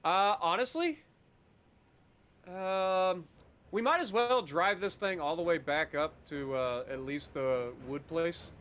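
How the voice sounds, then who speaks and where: A man's voice: high voice, takes it slowly, a bit bright. A man streaming a train game, chatting casually and swearing now and then. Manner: laid-back, swears casually. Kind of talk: casual gameplay chat.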